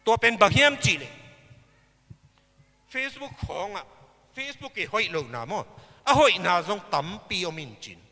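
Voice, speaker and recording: A man preaching a sermon at a church service, slow and emphatic, with big swings in pitch and loudness. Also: very animated, in a large hall.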